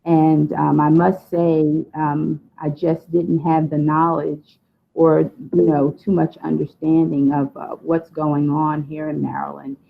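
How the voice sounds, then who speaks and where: A woman speaks off the cuff over a video call, pausing often with fillers as she finds her words. Her voice has a gravelly fry. The audio is narrow and tinny, like a phone line. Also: low-pitched, little pitch movement. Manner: hesitant, many fillers. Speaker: guest speaker on funding. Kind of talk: unscripted presentation.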